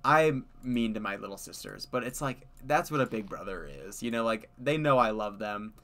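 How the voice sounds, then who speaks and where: A man's voice: lowish voice, normal speed, gravelly, fairly bright tone. Young male streamer, clean ringing voice, casual rambling chat with laughs. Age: young adult. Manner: rambling, laughs often, many fillers. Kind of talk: casual chat while gaming.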